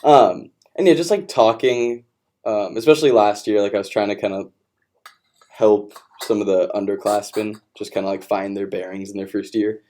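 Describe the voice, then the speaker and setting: Young man, student-athlete, low voice, warm dark tone, rambling casual talk. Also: moderate pace. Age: young adult. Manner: relaxed, rambling with "um" and "like". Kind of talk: casual podcast chat.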